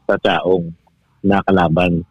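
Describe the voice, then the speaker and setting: A podcast co-host with a low, slightly rough voice tells a long personal story in casual conversation, taking it slowly with a level tone. He laughs often and keeps restarting his sentences. The recording is dull and dry, with faint music.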